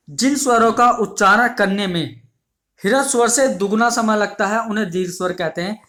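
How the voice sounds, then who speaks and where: A man with a high-sitting, sharp voice teaches an exam-prep grammar lesson. He asks questions and answers them himself, repeats each definition, drilling them slowly, and calls his students his dear children.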